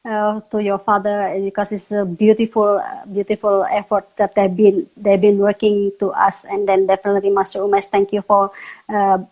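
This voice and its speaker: A woman's voice: mid-range voice, completely flat delivery, normal speed, a little mellow, poor audio. A woman from Indonesia, speaking English as a meditation teacher in a casual online interview, often restarting her sentences. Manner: non-native English with restarts, laughs often. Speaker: meditation instructor, guest.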